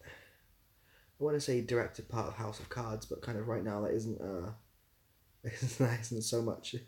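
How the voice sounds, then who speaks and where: In a fairly low, darkish voice that runs a little slow, a young British man chats on his livestream. He replies to viewers with dry playfulness, rambling somewhat as he goes.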